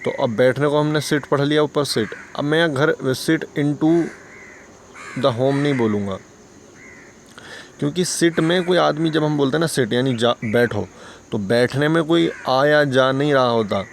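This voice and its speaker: A man's voice: mid-range voice, normal speed, gravelly, slight background noise. A man teaching an English lesson for beginners, patiently explaining and answering his own questions.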